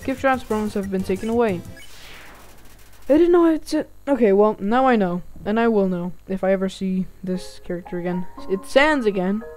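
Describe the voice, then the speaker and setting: A woman's voice: mid-range voice, darkish tone, faint music behind. Woman reading game text in let's play. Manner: reads game text aloud between quick reactions. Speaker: gaming channel host. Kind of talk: casual let's-play commentary.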